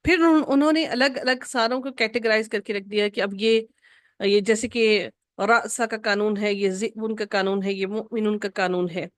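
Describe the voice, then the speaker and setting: A woman teaching an Arabic grammar lesson, patiently repeating each rule slowly for her students. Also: medium pitch, fairly even intonation, no echo, studio quality.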